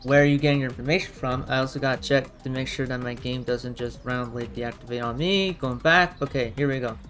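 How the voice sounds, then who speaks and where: A man's voice: mid-range voice, steady tone, a little fast, fairly bright tone, soft background music. A man giving unscripted, argumentative commentary in a blunt, rambling way. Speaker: reaction commentator.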